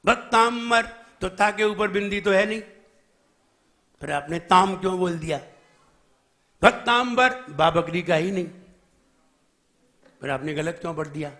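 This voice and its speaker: A man's voice: a little high, fairly even intonation, normal speed, long pauses, fairly bright tone. A man, a Jain monk, preaching a sermon in a teacherly way, correcting pronunciation and asking rhetorical questions.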